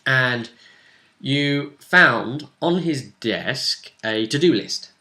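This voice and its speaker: In a conversational, storytelling way, a man recaps a tabletop roleplay session as game master, casually acting out brief character quotes. He speaks very slowly in a mid-range voice with lively intonation and a sharp tone.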